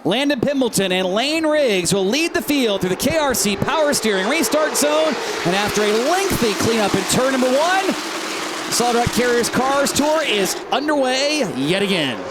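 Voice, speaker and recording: A man calling a stock car race live as lead announcer, with excited, emphatic play-by-play. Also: very high voice, normal speed. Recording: loud engine and track noise behind. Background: race cars and vehicle noise.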